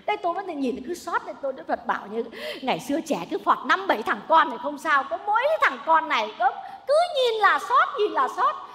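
A woman plays a bossy old mother-in-law in a stage comedy sketch. The voice sits very high and swings widely with a bright, sharp edge, nagging and scolding at length. A long hall reverb trails behind her from the stage recording. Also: big pitch swings, brisk, heavily acted. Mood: doting. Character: domineering old mother-in-law, loud and shrill.

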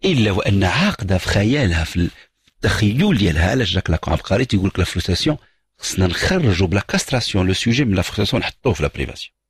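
A man's voice: low voice, sing-song, very fast, slightly rough, no echo, clean studio sound. A middle-aged man with a Moroccan accent hosting a call-in radio advice show, lecturing with emphatic repetition and French phrases. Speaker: radio psychologist host.

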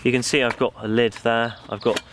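A man's voice: mid-range voice, flat delivery, a little fast, a bit bright, a little hiss or hum. A young man hosting a bushcraft channel, casually talking through his gear outdoors in a forest, rambling with many ums and you knows.

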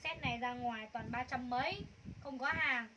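A high-pitched woman is hawking clothes on a livestream. She rattles off prices and item codes again and again, and she gushes over each piece. There is steady noise behind her voice. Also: normal speed, dull audio. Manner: repetitive, calls out prices and codes, gushing. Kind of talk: live sales pitch.

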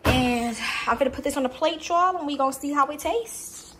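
Heavy background noise fills this casual cooking vlog, where a young woman with a high-sitting voice talks at a moderate pace. Filming on a counter-propped phone in her home kitchen, she chats to y'all and chants while working.

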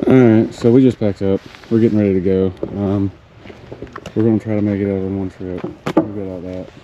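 A man's voice: sits low, little pitch movement, a little fast, dark tone, muffled recording, slight background noise. A man, joking and chatting casually on a family camping vlog. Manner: joking, self-deprecating, drawling chat. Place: campsite outdoors, then park gift shop.

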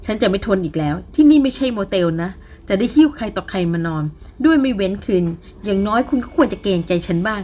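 A woman voicing a proud, quick-tempered young woman in an audiobook romance, giving short, sharp retorts. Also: mid-range voice, animated, close to an everyday voice. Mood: furious.

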